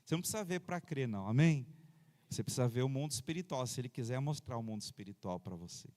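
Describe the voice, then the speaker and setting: A man preaches to his congregation in a relaxed, storytelling way, dropping amens and hallelujahs between stories. His voice sits in a middle range for a man. The church hall adds a long, lingering reverb around every phrase. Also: mid-range voice, fast. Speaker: pastor. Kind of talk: sermon. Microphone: handheld microphone.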